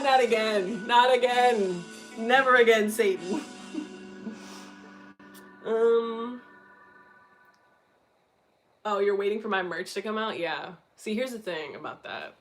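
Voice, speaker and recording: A young woman talks straight to her livestream audience in a loose, unfiltered way, cursing freely and breaking into giggles. Her voice sits at an ordinary middle pitch. Soft guitar music plays faintly underneath. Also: poor audio. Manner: candid, swears a lot, giggles often. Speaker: streamer answering viewer chat. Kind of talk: casual livestream chat.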